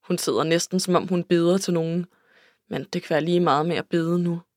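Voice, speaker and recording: A woman's voice: lowish voice, steady tone, darkish tone, no room sound, studio quality. A woman reading a first-person novel aloud in an emotional, intimate way. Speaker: audiobook narrator. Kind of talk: scripted first-person narration.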